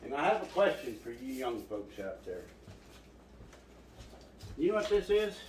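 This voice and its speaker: A man's voice: mid-range voice, very animated, a little slow, distant mic, a little hiss or hum. A man hosting a home cooking video, folksy and rambling as he talks to his viewers. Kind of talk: casual cooking vlog. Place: home kitchen. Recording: echoey room, voice from off the mic.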